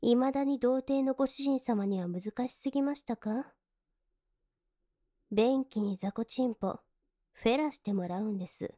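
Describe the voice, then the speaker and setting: A woman's voice: on the high side, moderate pace, pauses often, no room sound, clean studio sound, natural voice. A woman playing a scornful young maid. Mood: coolly commanding. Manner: politely contemptuous, mocking; drops into soft whispers to sneer. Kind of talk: adult audio drama.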